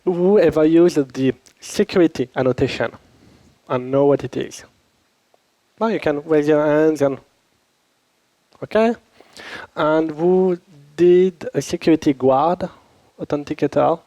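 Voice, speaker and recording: A workshop instructor with a French accent, based in Switzerland, chats informally through a conference session and asks the room questions, slightly unwell as he gets over a cold. His fairly high, warm voice moves a little slowly, with long pauses. The handheld or lapel mic picks up no echo.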